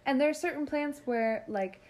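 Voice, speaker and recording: A woman's voice: high voice, moderate pace, darkish tone. A woman co-hosting a podcast, chatting casually and rambling with lots of "like" as she explains her ideas. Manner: rambling, heavy use of "like". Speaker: podcast co-host. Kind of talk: casual chat.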